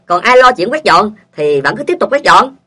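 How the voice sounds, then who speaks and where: A woman's voice: medium pitch, big pitch swings, normal speed, pushed and bright, breathy edge. A woman reading short funny stories aloud and voicing their characters. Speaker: joke reader.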